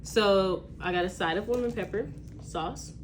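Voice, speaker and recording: A woman's voice: medium pitch, moderate pace. A woman hosting a mukbang, chatting casually about the food in eating-video style. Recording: clearly noisy room recording.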